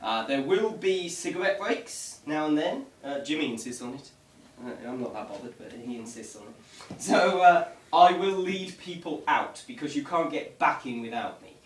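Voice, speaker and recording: Speaking at a normal pace in an expressive, somewhat high voice, this man is a ghost tour guide briefing a group casually before a vigil. His manner is dryly humorous, wry and a touch mock-formal. The distant camera mic captures an echoey indoor room and a little faint noise.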